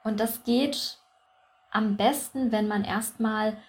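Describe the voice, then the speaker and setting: A woman who coaches pronunciation, a guest on a podcast, explaining her methods clearly and methodically, step by step. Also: on the high side, fairly even intonation, slow, a little mellow. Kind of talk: explanatory interview answers.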